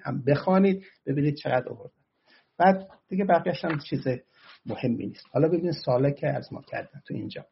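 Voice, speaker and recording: Gravelly guy doing political commentary, argues hard and gets fired up, muffled lo-fi sound. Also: mid-range voice. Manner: argumentative, grows heated and emphatic. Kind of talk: political commentary answering audience questions.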